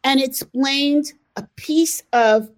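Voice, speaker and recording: A woman's voice: high-pitched, slow. A woman from the United States speaking in an earnest, emphatic conversational way. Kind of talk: conversational discussion.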